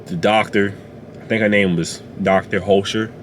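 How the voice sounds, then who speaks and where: A man sharing a personal testimony in a car, speaking haltingly with many fillers and restarts. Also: lowish voice, steady tone, slight background noise. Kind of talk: emotional personal storytelling. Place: inside a parked car.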